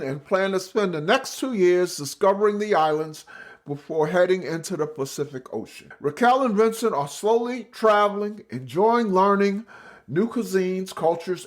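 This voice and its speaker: A man hosting a podcast, reading an enthusiastic introduction and then asking questions with some hesitation. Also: high voice. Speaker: podcast host. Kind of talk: podcast interview. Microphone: remote call setup.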